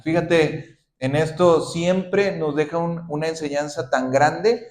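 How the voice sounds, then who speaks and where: Male pastor, sermon, somewhat high voice, echoey room, rhetorical questions, pleading prayers. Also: a little mellow. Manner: preaches with rhetorical questions and impassioned acted-out prayers.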